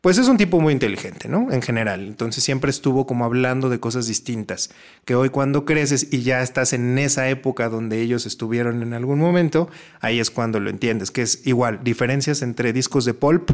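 A man, a musician guest speaking in a thoughtful, measured way in a casual interview. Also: medium pitch. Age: 40s. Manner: reflective, measured, with some restarts.

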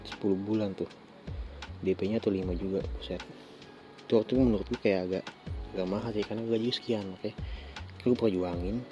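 A man in his twenties with a Jakarta accent and a lisp hosts a casual solo podcast, telling personal stories in an informal, halting way with indistinct articulation. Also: lowish voice. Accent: Jakarta Indonesian. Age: 20s. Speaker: podcast host. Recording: dull lo-fi sound, faint music behind.

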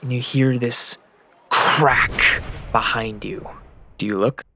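A man narrates as game master of a tabletop game, speaking in the second person. His voice sits in a middle pitch, and he builds suspense by repeating words and phrases. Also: steady tone, takes it slowly, vocal fry, pushed and bright, slight background noise. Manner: descriptive, builds suspense with repetition.

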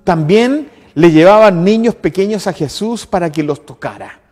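Lively high-voiced Chilean pastor in his sixties. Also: normal speed, in a large hall, faint music behind. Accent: Chilean Spanish. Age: 60s. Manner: emphatic preaching with repeated lists. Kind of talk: sermon.

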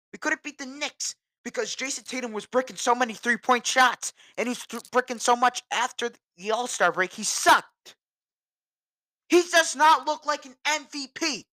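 Annoyed woman venting, repeats herself, sharp bright voice. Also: high voice, no room sound, clean studio sound. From New England. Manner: agitated, repetitive, exasperated. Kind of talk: ranting sports vlog.

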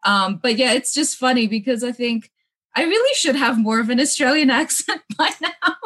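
A woman's voice: high-pitched, lively intonation, moderate pace, fairly bright tone, husky. Chatty young woman with hard-to-place accent. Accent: mixed, hard-to-place accent. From Middle East (Kuwait). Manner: laughs often, chatty with many fillers. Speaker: interview guest. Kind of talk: casual interview conversation. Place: bungalow room with books at her parents' home.

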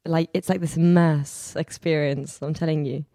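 A woman chats on a podcast, animated, laughing often and swearing casually. Her voice sits low and mellow. The sound is dry and close-miked. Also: measured pace, no room sound. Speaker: podcast guest. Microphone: studio mic with headphones.

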